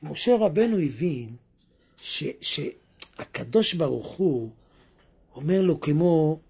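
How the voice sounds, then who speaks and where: A male preacher delivering an impassioned sermon, his voice gravelly and husky. His pitch swings widely as he repeats phrases for emphasis and bursts into exclamations. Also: animated, darkish tone.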